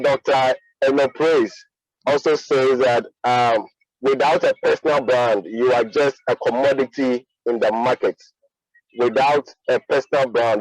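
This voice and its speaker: Man calling in from the car, dry close sound, middle pitch, halting delivery of notes. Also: darkish tone, no echo, rough recording. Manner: reading back notes, halting. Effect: speaking from a moving car on a call. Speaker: conference attendee. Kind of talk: call-in to an online event.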